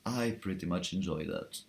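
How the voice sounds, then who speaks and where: Slow, low-voiced young man chatting on stream. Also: creaky, a little hiss or hum. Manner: rambling, laughs often, many fillers and restarts. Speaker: cosplayer hosting a live stream Q&A. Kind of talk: casual live-stream chat.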